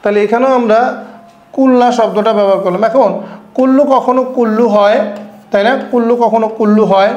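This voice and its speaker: Give me a high-pitched male teacher giving a grammar lesson in an echoey room, checking understanding as he goes. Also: darkish tone. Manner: explains step by step, checks understanding with tag questions; reads example sentences slowly. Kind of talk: recorded class lecture.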